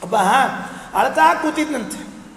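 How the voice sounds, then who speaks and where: A man giving a scripture discourse, telling stories and chanting verses slowly. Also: extremely high pitch, animated, creaky. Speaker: religious discourse speaker. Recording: echoey hall, faint noise.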